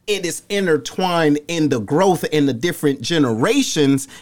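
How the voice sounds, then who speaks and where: A man's voice: on the high side, expressive, normal speed. A man co-hosting a talk show, giving emphatic, preachy advice and often asking the listener if they understand. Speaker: podcast co-host.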